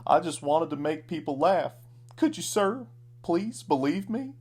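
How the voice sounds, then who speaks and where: A man's voice: on the high side, big pitch swings, unhurried, darkish tone, slightly rough, pitched above the performer's own voice, heavily acted. A man voicing a short, sly birthday clown outlaw with a folksy, pleading, sputtering manner in a comic Western ballad. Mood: tearful, pleading.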